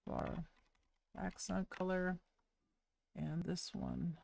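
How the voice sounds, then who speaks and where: A woman's voice: fairly low pitch, fairly even intonation, creaky, a little mellow, no echo. A woman live-streaming web development, muttering through each step of her code in a casual, wry way. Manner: slow, muttering, self-narrating while typing code. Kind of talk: thinking-aloud coding stream.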